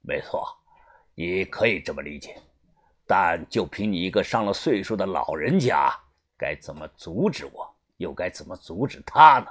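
七月爬, a narrator voicing a low mocking villain. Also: expressive. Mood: menacing calm. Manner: slow, low, with soft laughs. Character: sinister smiling male villain, calm and mocking.

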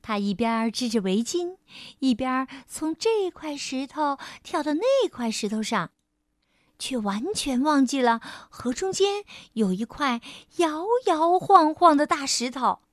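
A woman reading a children's story aloud in a gentle, sing-song way, speaking to a child. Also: high-pitched, big pitch swings, measured pace, no room sound, clean studio sound.

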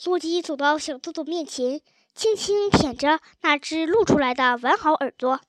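A woman narrating a children's storybook chapter with a gentle, expressive reading. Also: high voice, moderate pace, no room sound. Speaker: audiobook narrator.

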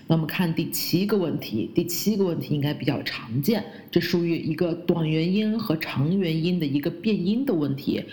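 A woman who speaks Chinese as her first language, teaching English pronunciation and slowly repeating the English words she models. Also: sits low, expressive, warm tone. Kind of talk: pronunciation lesson.

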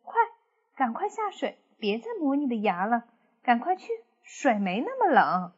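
A woman voicing a bossy mother pig who urges the wolf on in a high voice. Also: big pitch swings, normal speed, breathy edge, dull audio.

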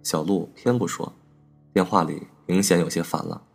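A male storytelling host with a low, gravelly voice. He narrates in a calm, measured and wistful way. Faint instrumental music plays underneath him.

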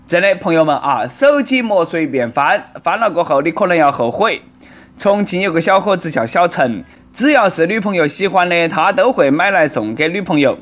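A man's voice: high voice, lively intonation, moderate pace, fairly bright tone. Sarcastic Sichuanese man riffing on news. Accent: Nanchong Sichuanese. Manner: sarcastic, bantering. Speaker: comedic news commentator. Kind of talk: comic news commentary.

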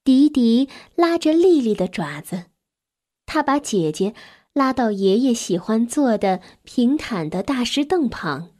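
A woman reads a children's bedtime story in a gentle, unhurried way, her voice a little raised. She softens at tender moments, at times sinking almost to a whisper. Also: on the high side, very animated. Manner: gentle, soft, sometimes drops to a whisper.

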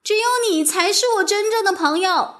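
A woman's voice: high voice, animated, normal speed, a bit bright, pitched above the performer's own voice. A woman voicing an earnest, impulsive young girl in a read-aloud storybook, with an eager, emotional delivery. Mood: pleading.

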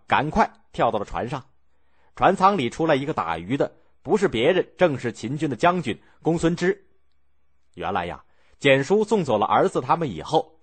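Husky, lively male storyteller. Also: medium pitch. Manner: animated storytelling, acting out characters' shouts and stammers. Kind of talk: scripted narration of a historical story.

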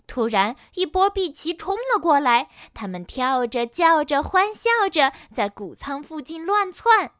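A woman teacher narrating a children's story, acting out the characters with lively energy. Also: high-pitched, measured pace, hardly any pauses, no echo, studio quality.

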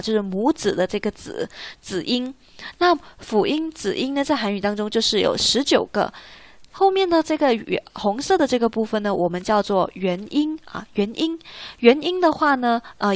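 Woman language teacher, slightly high voice, patient explainer, dry close sound. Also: no room sound. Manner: patient, asks the listener rhetorical check questions. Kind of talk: classroom-style explanation.

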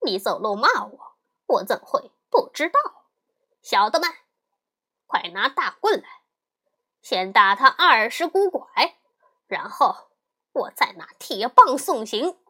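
A woman's voice: on the high side, very animated, slow pace, pauses often, pushed and bright, full character voice. A woman storyteller voicing a brash, boastful male monkey king who swaggers, threatens and sneers. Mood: scornful. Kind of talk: storybook character voice.

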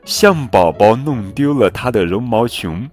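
A man's voice: medium pitch, animated, unhurried, darkish tone, faint music behind, pitched above the performer's own voice, natural voice. A man voicing a kind, curious patchwork elephant with eager, raised calls.

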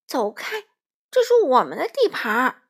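A woman's voice: high-pitched, wildly swooping pitch, moderate pace, husky, exaggerated voice. A woman voicing a cheeky, hot-tempered little male crow who squawks indignantly. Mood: angry squawking.

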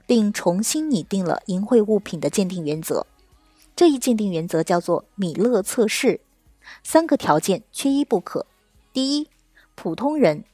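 A woman reading a scripted explainer narration in a steady, measured storytelling delivery. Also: mid-range voice, dry recording, studio quality.

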